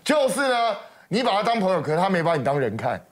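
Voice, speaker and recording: A man's voice: high-pitched, very animated, fast talker. A man with a Taiwanese Mandarin accent giving heated talk show commentary in a television studio, scornful and full of sarcastic rhetorical questions. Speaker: political commentator.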